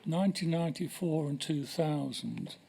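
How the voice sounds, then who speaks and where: Gravelly older man giving testimony. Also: a little high, dark tone. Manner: measured, hesitant, with many pauses. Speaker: witness. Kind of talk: formal testimony. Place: inquiry hearing room.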